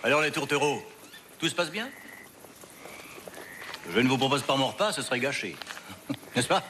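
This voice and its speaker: A man's voice: medium pitch, big pitch swings, pushed and bright, slight background noise. An actor playing a cruel, mocking captor, drawling his taunts. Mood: sneering. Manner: taunting, drawn-out sneering delivery. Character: mocking cruel Spanish male captor, sadistic. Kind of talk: film drama acting.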